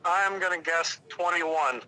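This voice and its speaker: A man's voice: a little high, measured pace, pushed and bright. A man calling in to a live show from his car, heard over a thin phone line and giving short, agreeable answers. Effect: thin phone line from a moving car. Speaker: caller. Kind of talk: call-in to a radio show.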